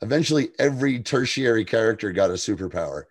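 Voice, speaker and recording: A man's voice: fairly low pitch, lively intonation, quick pace, no echo, studio quality. A man co-hosting a casual TV recap podcast, rambling with profane, laughing asides. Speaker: podcast co-host.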